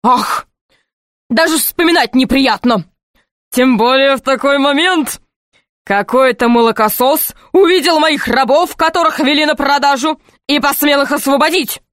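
A woman's voice: sits high, unhurried, a bit bright, no room sound, studio quality, pitched above the performer's own voice. A woman voicing a pompous, boastful middle-aged knight, a marquis, who speaks in a grand, self-important way. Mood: indignant.

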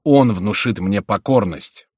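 Guy putting on a low slow whimpering prisoner, begging, dry close sound. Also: animated, darkish tone, husky, dry recording, exaggerated voice. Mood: plaintive. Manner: pleading, slow and whining. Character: plaintive frightened captive man. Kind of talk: audiobook character voice.

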